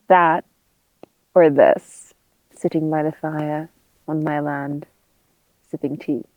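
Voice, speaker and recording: A woman in her thirties vlogging casually outdoors on her mountain land, enthusiastic and quick to laugh. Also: low-pitched, no room sound, phone-quality sound. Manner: enthusiastic, easily excited, laughing. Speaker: travel vlogger. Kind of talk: casual vlog narration.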